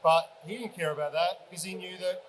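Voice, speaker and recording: A man's voice: sits high, fairly even intonation, a little fast, a little hiss or hum, low-quality recording. A man on a convention panel giving rambling answers full of restarts.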